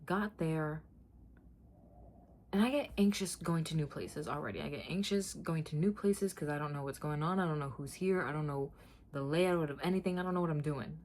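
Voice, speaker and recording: A young woman with a fairly low voice chats candidly to her viewers like a vlogger. Her storytelling is animated and slangy, with points repeated for emphasis. There is clear ambient noise behind her. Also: normal speed. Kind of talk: casual chatty storytelling to viewers.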